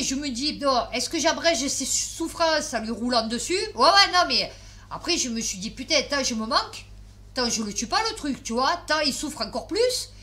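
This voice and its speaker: Woman vlogger, tired, chatty storyteller, slightly high, bright and forward tone. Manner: chatty, swears, many fillers and restarts. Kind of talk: casual storytelling to camera.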